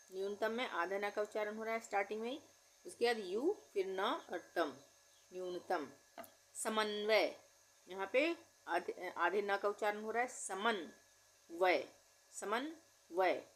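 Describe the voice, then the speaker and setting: A woman teaching difficult Hindi words, with an Indian accent, saying each word slowly and spelling it out patiently. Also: medium pitch. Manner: patient, drawn-out word-by-word pronunciation. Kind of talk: slow spelling-out lesson.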